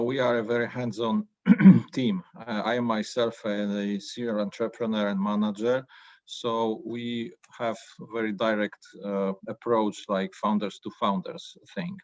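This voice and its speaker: A man from Poland introduces his fund in a measured, steady way, clearing his throat between phrases. His voice is on the low side and the recording is dry. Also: dry recording. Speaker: venture partner, judge.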